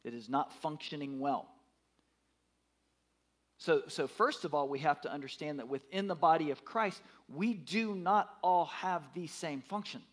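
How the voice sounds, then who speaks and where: A man's voice: fairly high pitch, measured pace. A man in his fifties preaching a sermon, emphatic, repeating his words and putting questions to the congregation. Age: 50s. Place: church.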